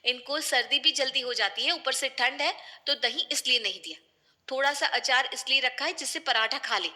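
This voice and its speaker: A frustrated young daughter-in-law in a family audio story answers back with sharp sarcasm, voiced by a woman narrator. Her voice is very bright and a little high. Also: moderate pace. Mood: retorting.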